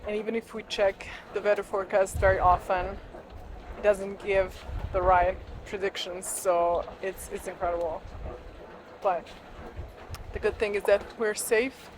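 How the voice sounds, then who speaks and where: A woman's voice: medium pitch, little pitch movement, unhurried. European-accented woman vlogging over faint noise. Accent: continental European. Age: 30s. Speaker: sailing vlogger. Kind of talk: casual vlog chat. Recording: noisy on-board boat recording.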